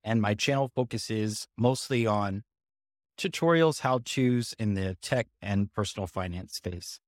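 Male guest, low pitch, dry close sound, easygoing and plainspoken. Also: a little slow, dry recording. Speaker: guest YouTuber.

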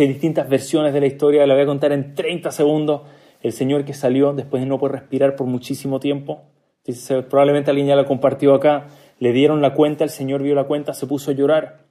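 A man's voice: mid-range voice, mellow. A man giving a storytelling religious talk, acting out the dialogue he quotes and making joking asides to his listeners. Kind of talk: storytelling sermon.

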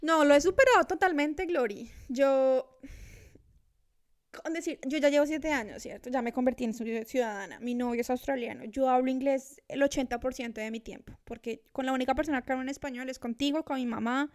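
An Australian woman in her thirties talks casually and reflectively, restarting her sentences often. Her voice is high-pitched and a little fast.

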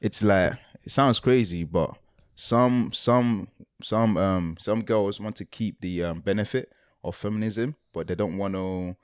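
Young male, urban London accent, casual opinionated slangy chat, lowish pitch, dry sound. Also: measured pace, smooth, no echo.

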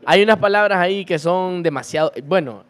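A man's voice: sits high, a little fast. Emphatic Honduran man, slangy banter. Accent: Honduran Spanish. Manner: loud, emphatic, peppers talk with slang. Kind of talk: casual banter among friends.

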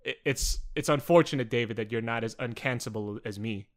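A man's voice: medium pitch, brisk. Rambling, teasing young podcast man. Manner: rambling, teasing, filler-heavy. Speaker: podcast co-host. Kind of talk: casual crude banter.

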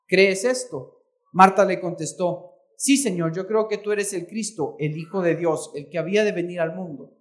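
High-voiced male pastor reading scripture. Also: normal speed. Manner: reads scripture aloud, then explains it; corrects his own misreadings. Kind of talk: bilingual sermon with interpreter.

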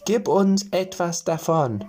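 Guy reading aloud, doing tiny forest men from a storybook, higher voice, slow and solemn, handing out magic gifts. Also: expressive, a little mellow, husky, heavily acted. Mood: kindly. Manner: slow, solemn gift-giving. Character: three little forest men, kindly yet stern.

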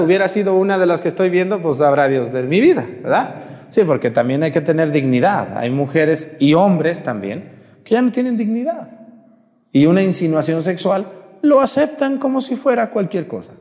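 A male priest, preaching during mass in a lively, teasing way and putting questions to the congregation. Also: on the high side, fairly quick, long reverb tail. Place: church.

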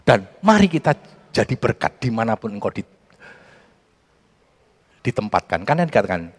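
A male pastor with a Javanese accent delivers a lively sermon. His pitch swings widely as he tells stories and plays out what others said. The voice rings with the long echo of a church hall. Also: normal speed, husky. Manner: animated storytelling, acting out quotes.

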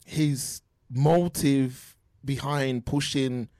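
A man's voice: mid-range voice, fairly even intonation, extremely slow, a little mellow, no room sound, studio quality. A man co-hosting a podcast over a remote call, giving his opinions in a casual, talkative way with frequent restarts. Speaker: podcast co-host. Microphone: remote call audio.

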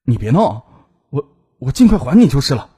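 A man's voice: mid-range voice, sing-song, moderate pace, dark tone, slightly rough. A man voicing a flustered, cowardly young scholar who stammers and pleads when cornered. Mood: pleading.

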